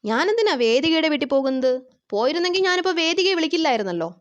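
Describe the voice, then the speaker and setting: A woman's voice: sits high, very animated, rapid-fire, lo-fi sound, voice pushed up. A woman reading the lines of a scheming husband who defends himself and makes threats. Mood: defensive.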